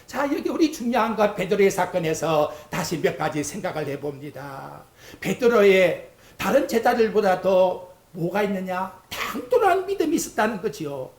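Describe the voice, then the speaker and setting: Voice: mid-range voice, a little mellow. A pastor preaching a fervent sermon in a church sanctuary, acting out prayers and quotes as he goes. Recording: echoey church hall.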